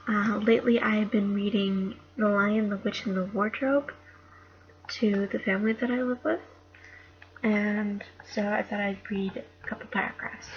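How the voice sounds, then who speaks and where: Young woman, slight Northeastern US accent, gravelly and hesitant, casual home recording on a dull lo-fi computer mic. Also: mid-range voice, steady tone, normal speed, a little hiss or hum. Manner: hesitant, with many fillers. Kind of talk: casual home audio post and storybook reading.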